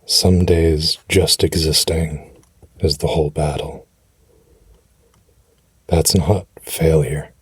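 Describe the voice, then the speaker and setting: A man speaking soothing affirmations for rest in a deep, husky, breathy voice, gently and reassuringly, with unhurried pauses, close to the mic. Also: fairly even intonation, no echo. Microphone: close, dry microphone.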